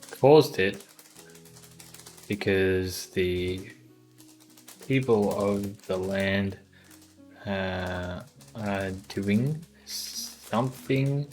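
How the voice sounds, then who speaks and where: Male streamer, unhurried and low, muses aloud with frequent pauses over quiet music. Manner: hesitant, thinking aloud with many ums. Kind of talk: casual livestream brainstorming.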